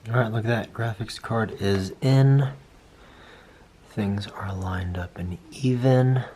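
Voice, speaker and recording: Young guy with a low voice, chatty and a bit self-deprecating, talking through his pc build, light background noise. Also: slow pace, mellow. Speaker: vlogger building a PC. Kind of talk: casual hands-on walkthrough.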